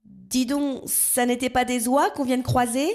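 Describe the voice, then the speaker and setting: A woman's voice: high-pitched, little pitch movement, unhurried, darkish tone, pitched above the performer's own voice. A woman voicing a small, worried young male mouse in a storybook. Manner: pleading, worried.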